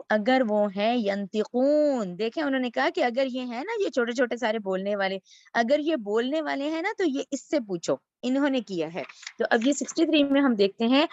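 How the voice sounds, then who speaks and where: A woman's voice: high-pitched, no echo, dull audio. A woman teaching a verse-by-verse religious lesson, reciting Arabic phrases and then explaining each one. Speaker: Quran teacher.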